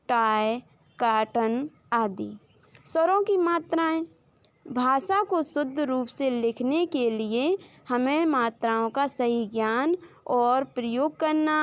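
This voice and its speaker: Woman, teacher, children's grammar lesson, high voice, slow and deliberate, letters stretched out, dry close recording. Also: no room sound. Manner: slow, drawn-out sounding of letters and example words; addresses the children directly, points to a chart.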